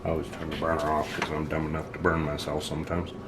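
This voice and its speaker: A man's voice: a bass voice, monotone, fast talker, heavy background noise. A man hosting a casual home cooking video, easygoing and plainspoken as he walks through a family recipe. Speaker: home cook, channel host.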